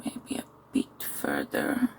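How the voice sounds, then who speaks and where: A tired woman, chatting casually through a makeup tutorial and thinking aloud with soft asides. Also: slow, whispered. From Finland. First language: Finnish. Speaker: makeup vlogger.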